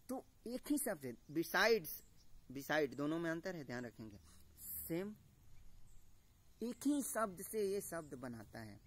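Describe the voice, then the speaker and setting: A man teaches at an unhurried, deliberate pace, drifting between Hindi and English words as he explains each term. He keeps checking in with his listeners in a friendly classroom way. A faint hum of noise sits under the voice. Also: a little high. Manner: repeats "ठीक है दोस्तों", mixes Hindi and English words. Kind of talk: classroom-style lesson.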